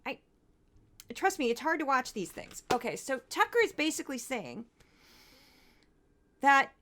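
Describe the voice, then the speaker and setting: A woman's voice: high-pitched, big pitch swings, measured pace, a bit bright, a little hiss or hum. Wry, exasperated woman commenting on clips. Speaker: commentary show host. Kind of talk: critical commentary on news clips.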